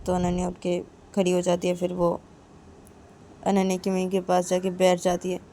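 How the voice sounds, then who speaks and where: Woman casually telling a love story, soft mellow voice, plain and repetitive. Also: fairly low pitch, monotone, moderate pace, a little hiss or hum.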